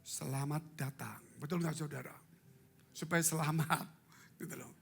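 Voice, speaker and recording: A man's voice: on the high side, level tone, moderate pace, gravelly, husky. Dramatic, joking male church pastor. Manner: dramatic, leaps from loud cries to hushed asides; humorous, asks the congregation questions. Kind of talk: live church sermon. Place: church sanctuary.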